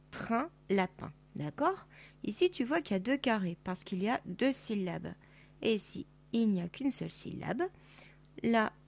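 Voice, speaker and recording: A woman's voice: mid-range voice, a little mellow. A woman primary school teacher talking a young pupil through worksheet exercises, patient and sing-song, drawing words out for a child.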